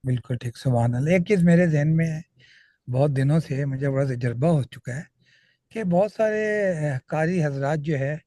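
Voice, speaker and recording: A man with a somewhat high voice asks a curious, polite question. He sounds close and dry. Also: warm tone, no echo. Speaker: student asking a question.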